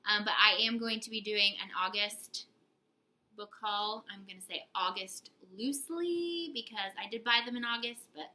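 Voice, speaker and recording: A young woman co-hosts a casual book haul video for a book channel, chatty and giggly and teasing herself as she goes. Her voice is medium in pitch with a sharp tone, moving at a moderate pace over a rough recording.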